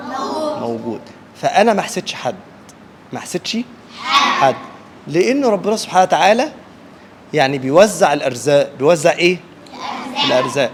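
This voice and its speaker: A woman's voice: sits low, noisy background. A woman with an Egyptian accent teaching a class of children in call-and-response, asking questions and repeating their answers back.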